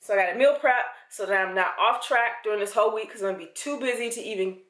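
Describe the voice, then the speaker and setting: Talking quickly in a bright, mid-range voice, a young woman who makes fitness vlogs rambles casually to the camera in her kitchen at home. Fillers crop up constantly in her loose chatter. The camera is held close, though the sound is roomy.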